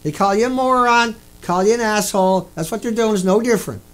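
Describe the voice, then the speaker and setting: A man delivering an angry, profane ranting monologue, repeating himself and bursting into shouts. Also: high voice, brisk, poor audio. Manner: repetitive, profane, indignant. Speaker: video host.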